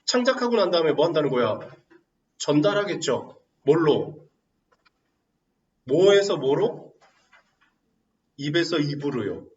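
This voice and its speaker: A man teaching literature in a lively lecture, firing rhetorical questions and teasing his students. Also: a little high, unhurried, long pauses, roomy sound, recorded from a distance, lo-fi sound. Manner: asks rhetorical questions and answers himself, teasing. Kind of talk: animated classroom lecture.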